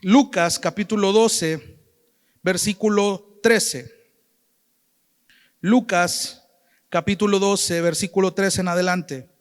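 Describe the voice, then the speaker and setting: A man's voice: high-pitched, steady tone, takes it slowly, pauses often. A man with a Salvadoran accent preaching a sermon, earnestly addressing his listeners as brother and sister. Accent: Salvadoran Spanish. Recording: long hall reverb.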